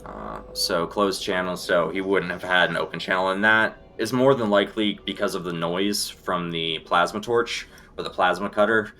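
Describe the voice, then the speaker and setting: A man running a tabletop game as game master, setting scenes in a deliberate, descriptive way. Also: deep voice, bright, forceful tone. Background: background music.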